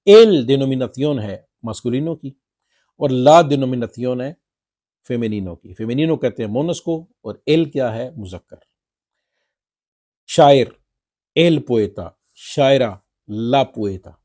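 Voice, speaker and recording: Slow, dark-voiced man teaching Spanish. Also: mid-range voice, animated. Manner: spells out words and repeats them slowly. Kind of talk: slow spoken language lesson.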